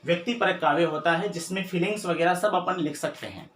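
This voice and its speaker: A man's voice: sits high, brisk, a bit bright. A man teaching an exam-prep lesson, who keeps repeating key terms and asking rhetorical questions. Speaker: English teacher. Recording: echoey room with faint noise.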